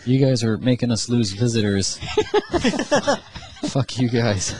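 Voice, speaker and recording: Podcast co-host: low, husky man, animated joker, dry room. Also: slow, dry recording. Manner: joking, laughs often. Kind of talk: casual banter.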